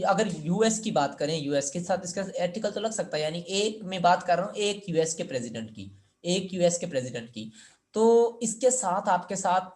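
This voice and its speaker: A man's voice: high-pitched, darkish tone. A man teaching an English grammar lesson, explaining step by step, repeating words and asking students for answers.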